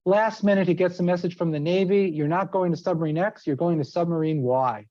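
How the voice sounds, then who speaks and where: Speaking a little fast in a mellow, high-pitched voice, this middle-aged seminar speaker from outside New York City keeps things conversational, packed with fillers and restarts. His informal talk is full of anecdotes, captured with dry, slightly dull sound and no echo.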